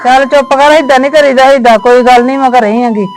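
A woman's voice: high voice, steady tone, quick pace, darkish tone, faint music behind, close to an everyday voice, rough recording. A woman with a Punjabi accent playing a worried mother who complains and scolds in a family drama. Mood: upset. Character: worried mother defending her son.

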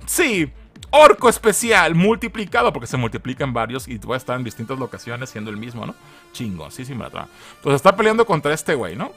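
A man's voice: mid-range voice, very animated, brisk, a bit bright, soft background music. A man with a Mexican Spanish accent giving a casual spoken video review, joking, swearing and laughing often.

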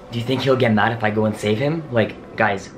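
A young man with a lowish voice talks a little slowly but urgently to camera, exclaiming and sighing through a dramatic paranormal challenge vlog. He is in a small home office with music in the background and slight noise.

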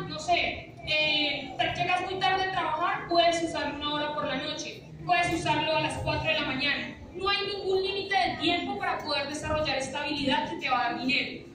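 Speaking at a moderate pace in a high-pitched voice, a young woman gives a motivational finance seminar full of punchy rhetoric and repeated calls of "¿listo?". An audience phone camera recorded her from a distance in a big lecture hall with a projector screen, leaving echo and light hiss.

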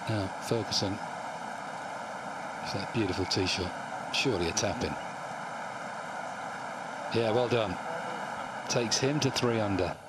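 A male golf commentator with a fairly low voice speaks in short, clipped phrases. Loud outdoor ambience surrounds him. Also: a little slow, pauses often, very noisy.

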